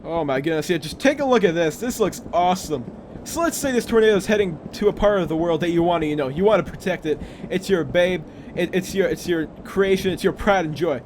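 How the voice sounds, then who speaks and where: A man's voice: high voice, a little fast, background noise. A young man casually walking viewers through a game creation, chatty and often stumbling over his words. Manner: chatty, stumbles and restarts, self-correcting. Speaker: gaming YouTuber. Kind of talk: casual gameplay walkthrough.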